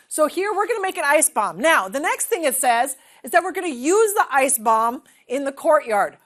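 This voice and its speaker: Leading a practical classroom demonstration in a large training room, a woman in her forties who trains teachers asks the group questions and checks understanding with "okay?". Her voice is high and a little bright.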